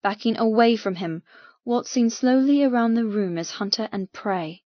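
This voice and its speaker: An intense female audiobook narrator delivers dramatic first-person fiction in an expressive, deliberate way. Her voice is fairly high, and the close-miked recording from a dry room sounds very dry and dull, with no echo.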